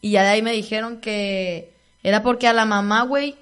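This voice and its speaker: A woman's voice: medium pitch, steady tone, brisk, fairly bright tone. A young woman with a Mexican accent, co-hosting a podcast and telling a story in casual, slangy, emphatic chat. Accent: Mexican Spanish. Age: young adult. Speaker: podcast co-host.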